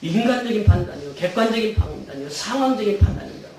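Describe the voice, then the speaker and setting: A middle-aged man preaches a sermon from the pulpit, his voice sitting a bit high for a man. He throws emphatic questions out to the congregation and leads them through scripture. The sound carries heavy church-hall echo and is picked up from some distance. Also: lively intonation, fast, a little mellow, slight background noise. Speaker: pastor. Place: church sanctuary. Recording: echoey hall, mic at a distance.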